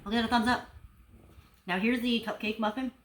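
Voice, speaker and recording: A woman's voice: on the high side, fairly even intonation, fairly quick, echoey room, background noise. A woman talking casually as she chews, reviewing food in a vlog. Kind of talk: casual cooking and taste-test vlog.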